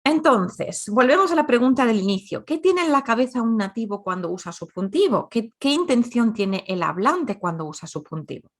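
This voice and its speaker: A woman's voice: on the high side, big pitch swings, moderate pace, hardly any pauses. A woman teaching a grammar lesson, explaining patiently and repeating example sentences. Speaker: Spanish teacher.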